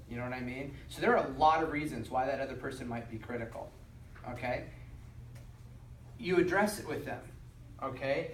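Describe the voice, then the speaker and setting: A man gives a classroom lecture, tagging his points with "okay?" and acting out the lines he quotes. His voice sits a little high. He is recorded from across an echoey room, with faint noise behind. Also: fairly bright tone. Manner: repeats "okay?" and acts out quotes. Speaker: teacher. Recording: roomy, from far off, some noise.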